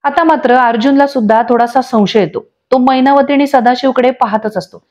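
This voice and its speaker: A woman's voice: high voice, brisk, muffled recording. A woman narrating a recap of a TV serial episode, reading the characters' lines aloud as she tells the story. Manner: steady storytelling, reads dialogue aloud. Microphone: voice-over.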